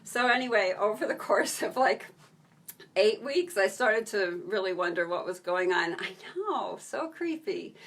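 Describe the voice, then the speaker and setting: A woman's voice: mid-range voice, moderate pace, fairly bright tone. A woman telling a story in a casual live stream, chatty, breaking off to answer viewer comments. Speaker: video creator on a live stream.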